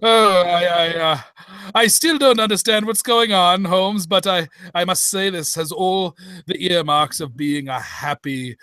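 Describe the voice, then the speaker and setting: Man as befuddled Doctor Watson, high and halting. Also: pushed and bright, smooth, no room sound, clean studio sound. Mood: bemused. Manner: halting, flustered, rambling. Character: Doctor Watson, befuddled, sentimental, kindly old storyteller. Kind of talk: old-time radio comedy acting.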